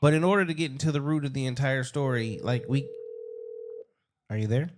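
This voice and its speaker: Male host, mid pitch, emphatic and repetitive, slows for key points, on a call. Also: background noise. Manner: emphatic, repeats himself, speaks slowly to stress points. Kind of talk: casual call conversation.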